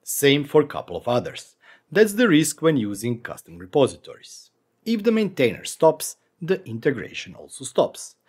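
A man's voice: fairly high pitch, huge pitch swings, normal speed, darkish tone, husky. A man in his forties hosting a screen-recorded tech tutorial from a home office, talking through steps with wry asides. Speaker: tech channel host.

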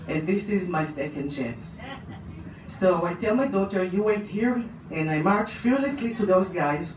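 A middle-aged woman with an Israeli accent, telling a personal story on stage with lively gestures. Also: medium pitch. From Poland. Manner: animated, gesturing, with audience laughter. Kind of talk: live storytelling. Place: small dark room, on stage. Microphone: handheld mic on stand, far camera. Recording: roomy, from far off, noisy.

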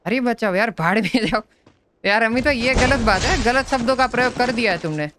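A man's voice: very high voice, lively intonation, brisk. Indian man, playful banter, casual gaming chat, noisy game sounds. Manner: joking, teasing banter. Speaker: gamer host. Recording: noisy game audio behind.

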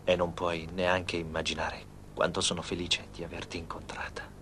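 A man's voice: sits low, flat delivery, moderate pace, fairly bright tone, slight background noise. A man voicing a passionate young male professor who declares his love, in a dubbed telenovela. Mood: tender. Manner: pleading, passionate. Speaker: romantic lead.

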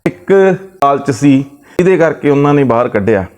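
A man's voice: fairly high pitch, lively intonation, moderate pace, darkish tone. A man, retelling another man's family story and relaying his words with repeated "he says".

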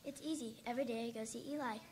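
A woman's voice: a little high, steady tone, racing, a little mellow, a little hiss or hum, natural voice. Lucia, a woman doing a cheerful wooden girl doll.

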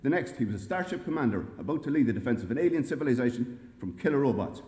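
A man reading a humorous story aloud to a live audience in a wry, lively way, recorded in an echoey library hall. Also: medium pitch, racing. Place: library event space.

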